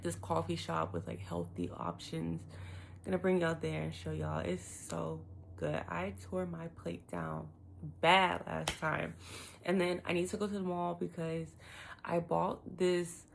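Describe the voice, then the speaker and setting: Gravelly low-voiced woman, lisping with retainers in. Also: slight background noise. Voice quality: slightly lisped, muffled articulation from wearing retainers. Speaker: lifestyle vlogger. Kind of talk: casual chatty vlog.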